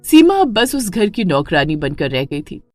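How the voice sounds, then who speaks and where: Expressive woman storybook narrator. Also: fairly low pitch, normal speed, soft background music.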